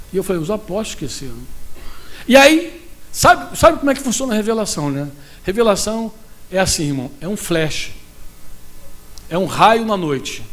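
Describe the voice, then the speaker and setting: A man with a Brazilian Portuguese accent preaching at a pastors' conference, animated and talking straight to his listeners with frequent asides. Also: high-pitched.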